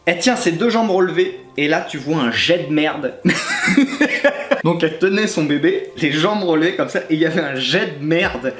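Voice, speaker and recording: A man, a YouTuber and former gym coach, telling crude comic anecdotes straight to the listener, animated and often breaking into laughter. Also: fairly high pitch, normal speed. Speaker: YouTuber recounting his time as a gym coach. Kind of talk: comedic anecdote storytelling to the viewer. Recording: echoey room with faint background music.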